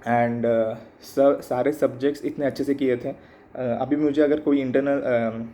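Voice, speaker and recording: A man in his twenties, an exam aspirant who vlogs, speaks in a casual, reflective monologue at an unhurried pace. His medium-pitched voice has a dark tone and fairly even intonation, and he hesitates often, filling pauses and mixing English into his Hindi. The recording is muffled and slightly lo-fi, with faint background noise.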